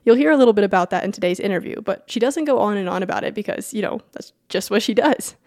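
A woman hosts a podcast, reading her introduction and then slipping into easy, chatty talk with her guest, quick to laugh and to apologize. Her voice sits at a middling pitch. The recording is close and dry, with no room sound around it. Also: animated, a little mellow, no echo. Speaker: podcast host. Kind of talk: scripted podcast intro and casual interview.

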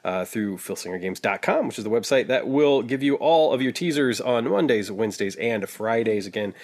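A man hosting a casual podcast, talking with many fillers and halting restarts. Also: mid-range voice, lively intonation, a little mellow. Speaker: podcast host.

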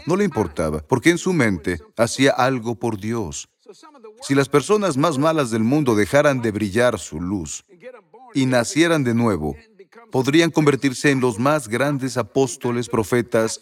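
A male preacher delivers a sermon in a mid-range voice, working through a scripture passage. He reads deliberately, leaning on repeated words to drive each point home. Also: medium pitch. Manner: slow, emphatic reading with repeated words for stress.

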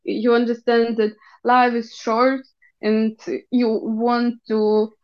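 A young Ukrainian woman with a Ukrainian accent, haltingly searching for English words as she gives a personal account in an interview. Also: a little high, flat delivery, lo-fi sound. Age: young adult. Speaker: interview guest.

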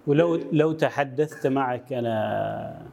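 Gravelly-voiced male interviewer. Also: medium pitch, unhurried, darkish tone, highs cut off. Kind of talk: interview questions.

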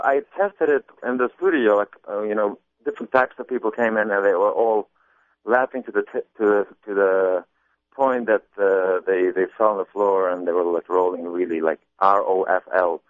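A man's voice: lowish voice, normal speed, no echo. A man being interviewed about his comedy album, talking casually with many restarts and repeated words. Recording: muffled phone-line sound.

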